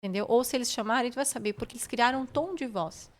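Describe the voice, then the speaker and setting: A fast-talking woman with a voice on the high side is guesting on a podcast. She gives a methodical, step-by-step explanation of customer service methods in interview form, regularly checking in with the listener with a tagged "né?".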